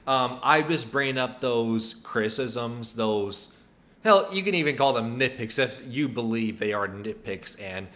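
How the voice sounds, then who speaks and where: A man's voice: mid-range voice, bright, forceful tone. A man commenting casually on a live stream, rambling and hedging with lots of fillers. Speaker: streamer reacting to a video.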